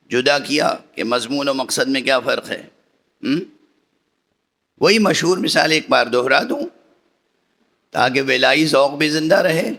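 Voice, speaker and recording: A man's voice: medium pitch, vocal fry, fairly bright tone. A man, a religious scholar, delivering a Muharram majlis sermon in a teacherly way, explaining each point step by step and checking in with the audience through rhetorical questions.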